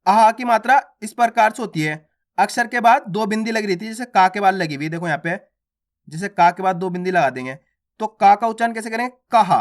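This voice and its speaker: A man teaching beginners to read, explaining patiently and often checking that it is clear, then chanting each syllable twice in a drawn-out voice. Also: high-pitched. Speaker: Hindi teacher. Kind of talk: beginner reading lesson.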